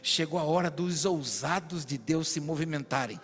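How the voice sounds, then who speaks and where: A Brazilian pastor preaches in a high, ringing voice that climbs into shouted prophetic declarations. The sermon carries a long church-hall echo, with faint worship music underneath. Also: male voice, moderate pace. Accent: Brazilian Portuguese.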